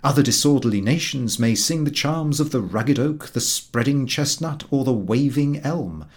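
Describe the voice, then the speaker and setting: A man with a medium-pitched voice reads a humorous book aloud as an audiobook narrator. His storytelling is expressive and measured.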